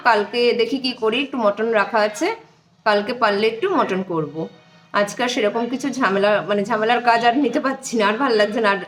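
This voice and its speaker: A middle-aged woman talks to her viewers from her own home in a homely, chatty way, as if to friends. Her voice sits a little high. She holds a phone in one hand to record herself. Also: a bit bright. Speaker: home vlogger. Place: home, indoors. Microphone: phone held in one hand.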